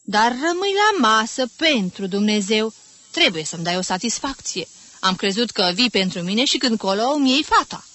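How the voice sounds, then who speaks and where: A woman's voice: medium pitch, expressive, sharp tone. Woman voicing an effusive old society lady. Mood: gushing. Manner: gushing, theatrical, exclamatory.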